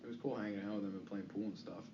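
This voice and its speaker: A man's voice: on the low side, fairly even intonation, very fast, echoey room, lo-fi sound, crowd noise. A young man co-hosting a podcast in loose casual chat, with a lot of filler words and laughter. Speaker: podcast co-host.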